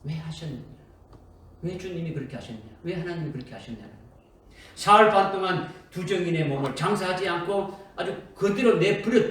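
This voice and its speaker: High, lively preacher in an echoey church. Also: male voice. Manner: questions the congregation and keeps checking with "right?". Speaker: pastor. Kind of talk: sermon. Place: church sanctuary. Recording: echoey, from far off in a church hall.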